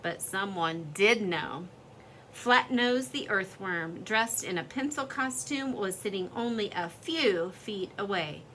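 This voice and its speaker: A woman reading a children's story aloud in an expressive, lively storytelling way. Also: medium pitch, takes it slowly, slight background noise.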